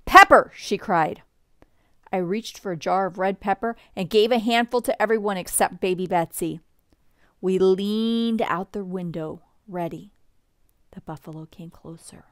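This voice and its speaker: A woman reads a bedtime story aloud at an unhurried pace. Her voice sits in a middle register and sounds dry and close to the mic, with lively lifts whenever characters speak. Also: medium pitch, no echo. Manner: slow, expressive reading with lively shifts for quotes. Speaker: storybook reader.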